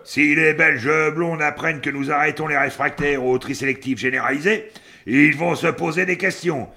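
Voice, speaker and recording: A man's voice: fairly high pitch, normal speed, sharp tone. A man playing a sly, mock-reassuring escapee in a comic radio drama.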